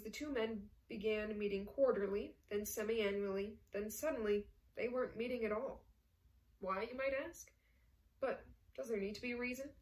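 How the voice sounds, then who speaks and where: A woman narrating a novel as an audiobook in a smooth, measured storytelling manner. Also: a little high, darkish tone, reverberant, recorded from a distance, rough recording. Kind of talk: scripted narration.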